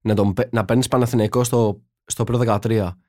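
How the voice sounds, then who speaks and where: A young man co-hosting a casual podcast chat, joking and animated, full of slang. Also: lowish voice, no room sound, studio quality. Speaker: podcast co-host.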